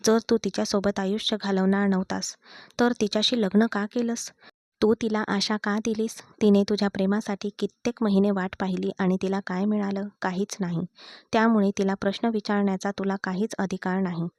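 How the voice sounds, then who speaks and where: A woman reading the part of a calm young man who lectures his friend about his mistakes. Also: mid-range voice, a little fast, no room sound, clean studio sound, lightly acted. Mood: scolding.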